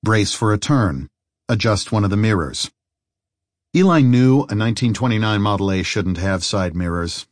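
A man narrating an audiobook in a steady, even storytelling manner. His voice sits on the low side, and the recording is dry and close with no room sound. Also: moderate pace, no echo. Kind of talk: scripted narration.

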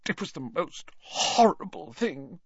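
A man voicing a pompous, tipsy, weepy old male potions master in a storybook reading, with a high, warbling, fluttery voice that drops to a hush when he is upset. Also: big pitch swings, slow, no room sound, dull audio, exaggerated voice. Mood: tearful. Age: older.

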